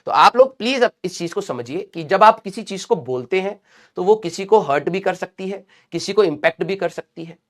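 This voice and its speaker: A male teacher with a Hindi accent and a fairly high voice is unwell and speaks slowly, yet he still lectures and scolds his students in a live class, calling them "beta." He remains animated.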